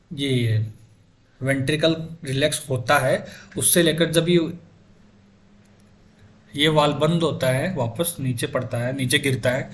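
A young man with a fairly high voice gives a classroom lecture to medical students. He works through each step and keeps asking the class questions.

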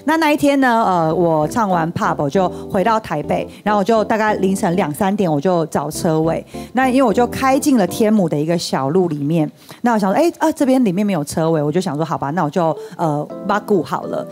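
Fast-talking Taiwanese woman spinning a story. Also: on the low side, soft background music. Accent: Taiwanese Mandarin. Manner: animated storyteller, acts out voices in her stories. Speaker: guest. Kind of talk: casual chat, telling anecdotes. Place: TV studio.

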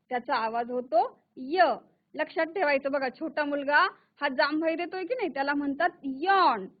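A woman teaching English to young children, speaking slowly and patiently, asking questions and praising the class. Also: high-pitched. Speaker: primary school English teacher. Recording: tinny phone-like audio.

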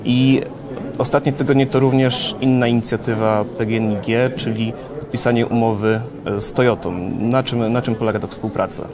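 A young man interviewing a guest at a conference, asking brisk questions with filler hesitations. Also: mid-range voice, steady tone. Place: conference interview stand, indoors. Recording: busy crowd chatter behind.

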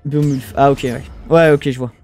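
A man's voice: mid-range voice, fairly even intonation, moderate pace, darkish tone, faint music behind. A young French man casually casting a strategy game match, chatting with viewers in the chat, often trailing off and restarting sentences. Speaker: esports caster. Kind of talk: casual live game commentary.

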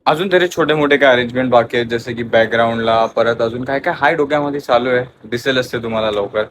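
A man's voice: medium pitch, fast talker. A young man narrating a casual family vlog at home on a small clip-on mic, chatting with his viewers. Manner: chatty, addresses viewers as friends. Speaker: vlogger. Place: home, indoors with ceiling fan. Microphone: small clip-on mic, also phone. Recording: home recording with clear background noise.

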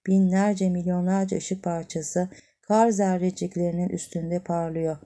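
A woman narrating a children's story at a calm, measured pace. Her voice is very dark and mellow, pitched somewhat low. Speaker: audiobook narrator.

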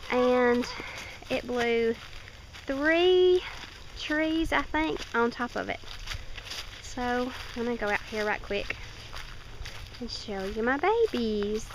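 A woman giving a rambling, chatty walk-around tour of her small farm outdoors, speaking into a handheld camera. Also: a little high. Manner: rambling, chatty, with many fillers and restarts. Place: outdoors on a wooded farm by rabbit hutches. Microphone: handheld camera mic, filming herself off camera. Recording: faint outdoor noise.

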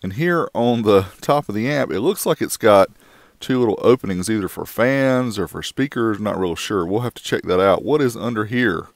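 A man's voice: fairly low pitch, animated, normal speed, no echo. A man giving a casual voice-over review of a car amplifier, with wry joking asides.

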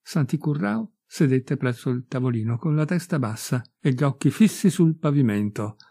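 Gravelly, dark-voiced male narrator. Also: mid-range voice, lively intonation, normal speed. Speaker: audiobook reader. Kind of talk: literary narration.

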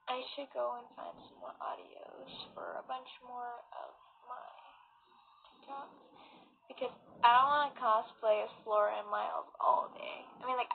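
A young woman in her late teens gushing excitedly as a cosplayer in casual fan chat. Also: a little high, vocal fry. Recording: tinny phone-like audio, faint hiss.

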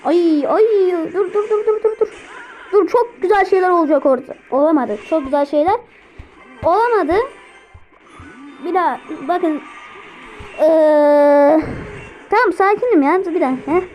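A woman giving live gameplay commentary, excitable, talking to herself and repeating words as she plays. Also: very high voice, normal speed, pauses often, soft background music, rough recording. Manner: excitable, talks to herself while playing. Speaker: gameplay streamer.

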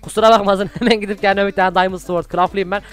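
A young man with a high, quick voice commentates his gameplay. He keeps chatting to his viewers between moves and bursts into loud shouts whenever a fight starts. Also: steady tone. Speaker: gaming YouTuber.

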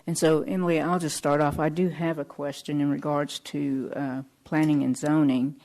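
A woman leading a formal council discussion, putting questions in a hesitant manner with a creaky voice. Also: low-pitched, flat delivery, moderate pace, darkish tone. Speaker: council member leading the meeting.

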